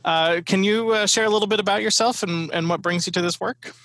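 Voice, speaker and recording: A man hosting a podcast interview in a casual way, with halting, hesitant phrasing. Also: sits high, fairly even intonation, fairly bright tone, dry recording. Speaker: podcast host.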